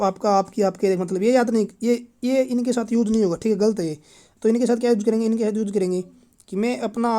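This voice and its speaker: A woman teaches an exam-prep grammar lesson in a mellow, warm voice of middling pitch. She chants through lists of word forms one after another. She keeps adding quick reminders to remember each point, her voice dropping softer each time. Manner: repeats "ठीक है" and "इतना याद रखना है" as fillers.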